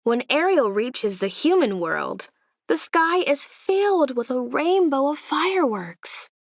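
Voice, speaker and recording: Reading slowly, a female storybook narrator brings a children's story to life with a fairly high voice and lively, swooping pitch. She savors her lines with storyteller's drama for a young audience. Her sound is close and dry, without echo.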